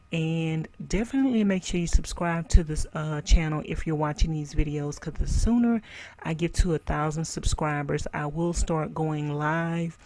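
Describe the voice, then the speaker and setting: A woman's voice: low voice, a little mellow. A woman vlogger chatting casually to her viewers in a loose, friendly way, calling them you guys. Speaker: burping channel vlogger.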